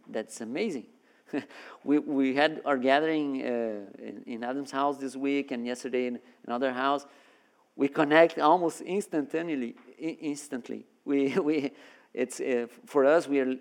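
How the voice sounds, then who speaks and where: A man from Brazil preaching a sermon as a guest, earnest and full of restarts and repeated words. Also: medium pitch. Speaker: guest preacher and seminary worker.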